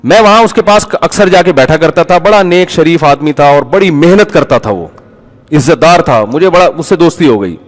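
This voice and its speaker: An Islamic preacher gives a conversational sermon, taking on the voices of the people in his stories as an animated storyteller. His voice is a little high for a man, and the long reverb of a large hall fills the sound.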